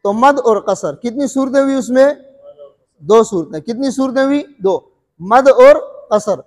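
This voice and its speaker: High-voiced teacher in a reverberant hall. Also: male voice, measured pace, a little mellow. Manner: repeats questions and answers them himself, checks if students follow. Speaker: Quran recitation teacher. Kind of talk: classroom lesson.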